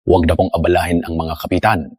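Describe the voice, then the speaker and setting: A man's voice: low voice, level tone, fast talker, darkish tone, dry recording, clean studio sound. A deferential, evasive man. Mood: nervous. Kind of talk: dubbed drama acting.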